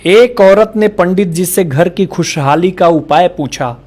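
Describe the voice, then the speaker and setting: A man's voice: sits high, unhurried, background noise. A man reading out a string of jokes and acting out the quoted lines. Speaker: joke teller.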